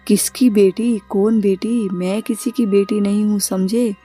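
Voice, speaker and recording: A ruthless witch bride from a horror storybook, voiced by a woman. She hurls cold, scornful threats in a husky, mellow low voice at an unhurried pace, with faint music behind. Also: steady tone.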